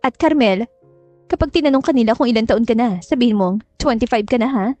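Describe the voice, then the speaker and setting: A woman's voice: fairly high pitch, a little fast, warm tone, no room sound, muffled recording, soft background music, lightly acted. A woman voicing a cold, manipulative mother who gives curt orders and coaxes her daughter. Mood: coaxing commands. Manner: curt, commanding, coaxing. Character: cold, scheming, chain-smoking mother.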